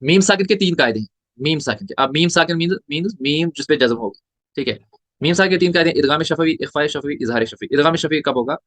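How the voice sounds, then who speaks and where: This tajweed lesson features a Quran recitation teacher with a fairly high, expressive voice, speaking fast with a fairly bright tone. He spells out each letter and vowel mark and answers questions he puts to himself. There's no echo.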